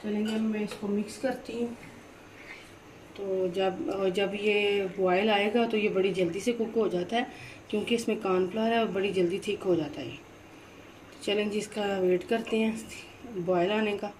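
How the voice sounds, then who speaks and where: On a low-quality recording, a woman hosting a cooking channel speaks a little slowly in a darkish, medium-pitched voice with fairly even intonation. She chats viewers through a recipe step by step, often asking them to look, while dishes and utensils clatter faintly in her home kitchen.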